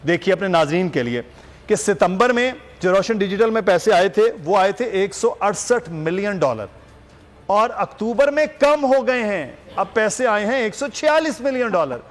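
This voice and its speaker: A man's voice: high voice, lively intonation, normal speed, big-room sound. A man anchoring a news talk show, explaining figures for viewers step by step.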